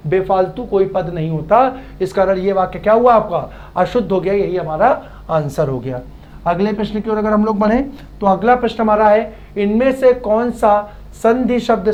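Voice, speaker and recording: A Hindi exam-prep teacher with a high, slightly mellow voice works through practice questions in a classroom-style lesson, and the audio is dull. He often throws a question back, repeats the answer, and stretches out key syllables.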